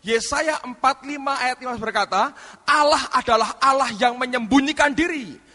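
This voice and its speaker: A male pastor preaching a sermon, dramatic, acting out voices, swinging from sudden shouts to hushed asides. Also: extremely high pitch, a little fast, big-room sound.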